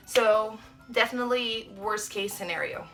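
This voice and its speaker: A woman in her twenties, a vlogger with a Brazilian Portuguese accent, answers tag questions to camera in a small bedroom, chatty and gesturing a lot with many ums and likes. Her voice is fairly high and a bit bright at a normal pace. The close-framed camera mic gives poor audio, with soft music in the background.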